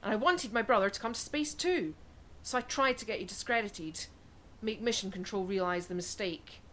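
A woman's voice: mid-range voice, normal speed, fairly bright tone, natural voice. A woman playing a brusque, scheming female flight engineer on a space station in an audio comedy. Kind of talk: comic radio-play acting.

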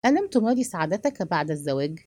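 A woman voicing a composed, proud young male doctor who asks calm, probing questions. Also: lowish voice, quick pace, dry recording, voice pushed down.

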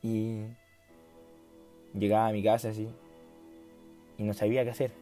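A man's voice: on the low side, little pitch movement, moderate pace, mellow, soft background music. A late-teen man with a Chilean accent telling a rambling, self-mocking story in a casual vlog, slangy and acting out the dialogue. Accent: Chilean Spanish. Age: late teens. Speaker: vlogger.

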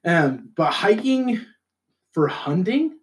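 Young guy from utah telling animated stories. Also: high-pitched, takes it slowly. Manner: animated storyteller who acts out other people's lines. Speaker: podcast co-host. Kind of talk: casual chat.

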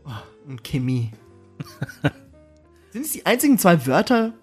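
Joking husky German podcast man. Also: on the high side, very animated, a little slow, a little mellow, faint music behind. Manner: joking, spells words out, laughs often. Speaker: podcast co-host. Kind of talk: casual chat.

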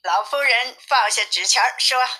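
A woman reading a classic tale aloud as a storyteller, in a plain, even manner. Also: on the high side, moderate pace.

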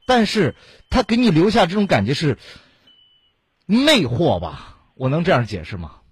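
Husky man giving blunt advice. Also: on the high side, wildly swooping pitch, normal speed, no room sound. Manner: blunt, lecturing, rhetorical questions. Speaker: radio advice host. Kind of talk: call-in advice talk.

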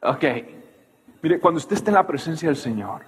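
Male pastor, sermon, high voice, long hall reverb, rhetorical questions. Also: normal speed, slightly rough. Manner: animated preaching with many rhetorical questions.

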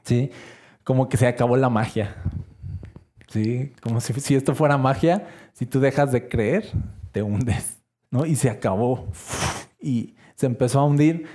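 A man preaching a sermon in a conversational, animated way, acting out scenes as he goes. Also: medium pitch, unhurried.

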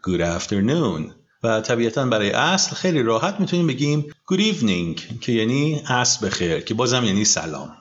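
Patient male teacher with a lively voice. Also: medium pitch. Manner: patient, repeats phrases slowly for the learner. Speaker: English teacher. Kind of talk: language lesson, slow model pronunciation. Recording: dull lo-fi audio.

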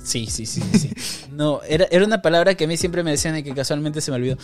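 Slangy young Mexican man, higher voice. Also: fast, over music. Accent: Mexican Spanish. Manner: slangy, laughs often, acts out quotes. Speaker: podcast co-host. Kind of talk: casual chat.

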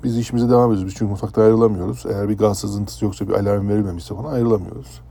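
A man from Turkey, a former ship's chef, casually recounting a personal story in a conversational, animated way. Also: fairly low pitch, racing, creaky, husky. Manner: conversational, animated when telling dramatic parts.

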